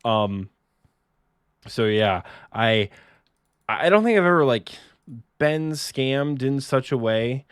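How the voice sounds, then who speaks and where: A man's voice: mid-range voice, expressive, slow pace, long pauses, clean tone, no room sound, clean studio sound. A man co-hosting a podcast, telling a casual story with lots of fillers, restarts and self-mocking asides. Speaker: podcast co-host.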